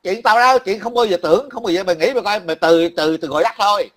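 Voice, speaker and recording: A man with a high, sharp-pitched voice. He rants with angry, profane heat and circles back to the same phrases again and again. Under the fury there is a worn-out, grumbling weariness. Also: fast talker. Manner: angry, profane, repetitive ranting. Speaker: livestream commentator. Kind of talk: heated political rant.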